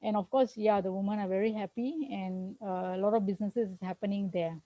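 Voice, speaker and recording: A woman's voice: mid-range voice, steady tone, fairly quick, no echo, highs cut off. A middle-aged woman from Singapore answering interview questions earnestly over a video call, with fillers and restarts. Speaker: guest, accountant. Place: at home, remote.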